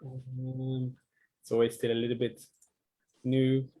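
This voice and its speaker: A man's voice: medium pitch, completely flat delivery, slow, dark tone, low-quality recording. A man, earnestly presenting his social enterprise on a video call, with frequent ums. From Netherlands.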